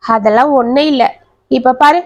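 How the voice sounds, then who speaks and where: A worn-out husband who keeps reassuring everyone in a low, slow, soft way, as a woman storyteller puts him on. The reading is close and dry, with the voice still fairly high. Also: no room sound, muffled recording. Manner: soft, reassuring, speaks slowly. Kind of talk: storybook narration.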